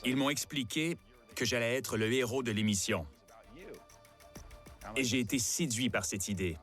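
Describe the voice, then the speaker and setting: A man calmly recounting, with some regret, his time as the star of a reality show, in a dubbed documentary interview. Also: medium pitch, normal speed, faint music behind. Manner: calm, rueful first-person recounting.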